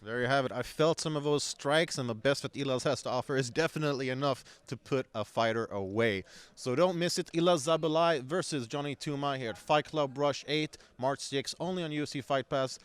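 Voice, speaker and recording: A man's voice: medium pitch, brisk, clean tone, no echo. Male sports interviewer, clean resonant voice, polished promotional presenting for a fight event.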